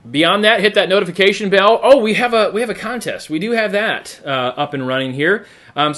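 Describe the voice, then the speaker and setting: A man hosting a live web show, talking in an upbeat, chatty way and working through promotions and a contest. His voice sits a little higher than most men's, and he leans on fillers as he goes. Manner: energetic, chatty, frequent fillers. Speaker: host.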